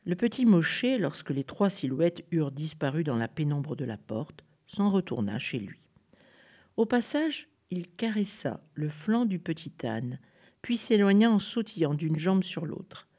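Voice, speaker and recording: A woman reading a children's story aloud in a gentle, expressive way. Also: deep voice, measured pace, breathy edge.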